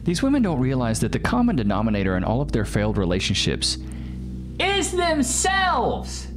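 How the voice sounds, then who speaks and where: A man's voice: medium pitch, wildly swooping pitch, normal speed, noisy background. A man in his thirties hosting a reaction show, teasing and mocking in sarcastic, sing-song asides, recorded on a studio mic. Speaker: host. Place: small studio room. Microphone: boom-mounted studio mic. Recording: studio voice with music underneath.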